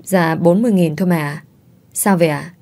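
A woman's voice: on the low side, normal speed, close to an everyday voice. A woman voicing a meek, hardworking young wife who speaks politely to her mother-in-law. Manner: gentle, polite.

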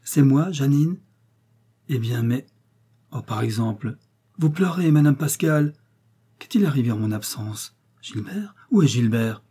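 A man's voice: mid-range voice, expressive, unhurried, mellow, slightly rough. A man reading a storybook voices an impulsive, determined young woman who asks urgent questions. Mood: eager.

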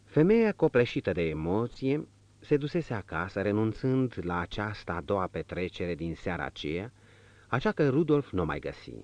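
Man, audiobook narrator, dramatic reading, lively intonation, dull dry recording. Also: lowish voice, dry recording. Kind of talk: scripted narration.

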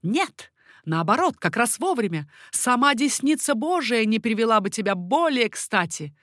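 A woman's voice: fairly high pitch, very animated, moderate pace, fairly bright tone, no echo, studio quality. Woman reading a commanding scheming queen mother. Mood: triumphant.

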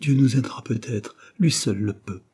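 A man's voice: medium pitch, moderate pace, mellow, breathy edge, natural voice. A man reading the lines of a distressed, poor young mother in an audiobook, anxious and pleading. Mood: despairing.

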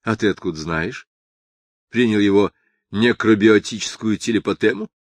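A man's voice: fairly low pitch, normal speed, no room sound, lightly acted. A man reading an audiobook and voicing a languid young woman in a drawling, lazy, teasing manner. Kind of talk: audiobook character voice.

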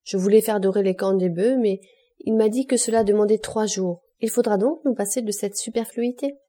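A woman's voice: mid-range voice, moderate pace, dark tone, lightly acted. A woman reading the lines of a boastful, witty young French viscount in a storybook, in a playful manner. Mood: enthusiastic.

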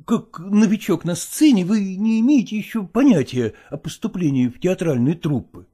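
A man's voice: high voice, expressive, moderate pace, mellow, husky. A man voicing a weary middle-aged touring actor in an audiobook drama, coaxing and patronizing. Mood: persuading.

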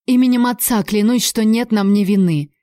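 A woman voicing a scheming, haughty older noblewoman who is mocking and venomous, going shrill when frightened. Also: normal speed, dark tone, dry recording, clean studio sound, lightly acted. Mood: frightened pleading.

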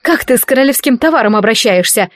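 A woman reading an audiobook, voicing a bold, sharp-tongued young village woman who answers back defiantly, in a dry, close recording. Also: fairly high pitch, animated, fast, no room sound, close to an everyday voice. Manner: defiant and cheeky. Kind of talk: audiobook dialogue.

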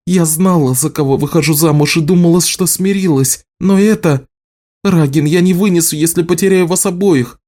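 An anxious, pleading wife in a storybook, put on by a man reading aloud. The voice rides high above the reader's own, raised and scolding. Underneath, the timbre stays dark and mellow. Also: moderate pace, few pauses, breathy edge. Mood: tearful.

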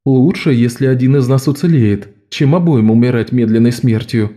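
A man's voice: medium pitch, moderate pace, dark tone, close to an everyday voice. A man voicing Jean, a blunt, protective adult male thief, firm and commanding. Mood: stern.

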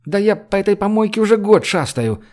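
A woman's voice: mid-range voice, lively intonation, a little fast, darkish tone, voice pushed up, natural voice. A male narrator voicing a bold, blunt young woman scout who talks in an offhand, breezy way.

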